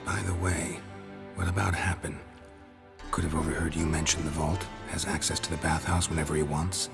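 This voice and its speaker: Geralt, a terse monster hunter. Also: male voice, a bass voice, little pitch movement, moderate pace, vocal fry, over music. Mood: dry. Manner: terse, dry and clipped. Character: gruff middle-aged male monster hunter. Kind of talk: video game dialogue.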